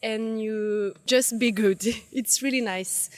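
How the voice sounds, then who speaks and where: A woman with a French accent, speaking haltingly and searching for words as a tourist in a street interview. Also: on the high side, fairly even intonation, dry recording. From France.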